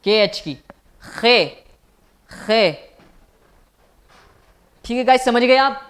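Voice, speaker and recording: A man's voice: very high-pitched, steady tone, a little fast, fairly bright tone. A man teaching as a language teacher in a recorded online lecture, patiently repeating each point and asking his viewers questions.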